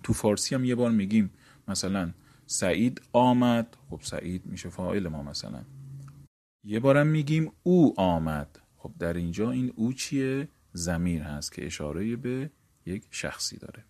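A man teaching a lesson, explaining grammar step by step and reciting verb forms aloud in a steady drill. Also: on the low side. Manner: explains step by step, gives book page references. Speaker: teacher of Arabic morphology. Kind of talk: recorded seminary lesson.

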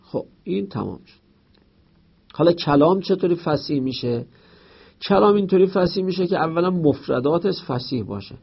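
A man with a gravelly, slightly husky voice teaches a lesson on rhetoric. He explains each point with everyday examples and reads out Arabic lines from the textbook. The recording sounds somewhat dull and muffled. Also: a little high, expressive.

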